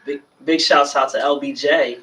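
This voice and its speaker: A man co-hosting a casual sports talk radio show, excitable and slangy, laughing easily. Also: medium pitch, normal speed, reverberant, far from the mic, low-quality recording. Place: radio studio.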